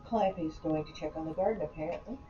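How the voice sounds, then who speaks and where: A woman's voice: deep voice, quick pace, mellow, reverberant, dull audio, soft background music. A woman casually commenting on her game play with chatty, wry asides. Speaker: gaming channel host.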